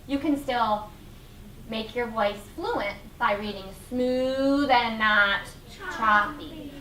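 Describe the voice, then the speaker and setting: A woman teaching a reading lesson to young children as a kindergarten teacher, giving simple, animated instructions with drawn-out emphasis. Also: fairly high pitch. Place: classroom. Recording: echoey classroom, distant mic, clear noise.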